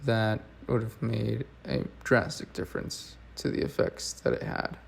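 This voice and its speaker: A storm chaser recording himself on a phone while driving, talking in a halting, rambling, reflective way with many fillers. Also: male voice, on the low side, little pitch movement, vocal fry. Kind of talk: solo vlog while driving. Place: inside a moving car. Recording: loud road noise, mic at a distance. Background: loud car and road noise.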